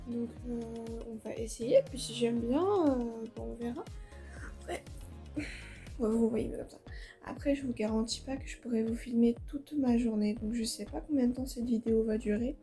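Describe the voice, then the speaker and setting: Young woman, mellow voice, slight lisp. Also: on the high side. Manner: informal, self-deprecating. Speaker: vlogger. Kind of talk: casual chat to camera. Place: at home.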